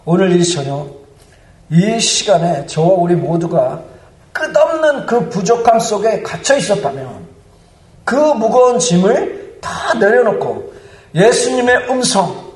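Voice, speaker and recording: A man delivers a sermon with earnest, building fervor. His voice sits somewhat high for a man. He is heard from a distance across a large, echoing church sanctuary. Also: lively intonation, measured pace. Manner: earnest, building to fervent proclamation. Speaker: preacher. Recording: roomy church hall, mic at a distance.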